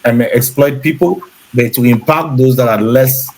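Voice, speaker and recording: A man as a talk show guest, speaking haltingly with many restarts. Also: medium pitch, a little mellow, a little hiss or hum, low-quality recording.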